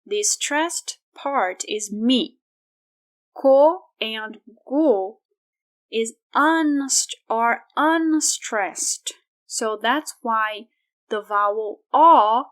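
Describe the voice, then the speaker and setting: A woman teaching pronunciation, explaining and repeating each word slowly and deliberately. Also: on the high side, animated, a bit bright. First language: Brazilian Portuguese. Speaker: language teacher. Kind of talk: slow pronunciation lesson.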